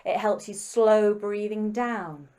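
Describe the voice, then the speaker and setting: A woman singing teacher giving gentle, encouraging step-by-step breathing and vocal warm-up instructions. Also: mid-range voice, steady tone, slow pace, smooth.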